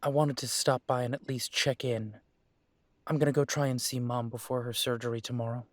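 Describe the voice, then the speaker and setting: For an audio drama, a man voices a young adult male werewolf, an estranged son who starts out defensive and firm, then turns quiet and conciliatory. His mid-range voice has a level tone and brisk pace, lightly acted in a dry recording.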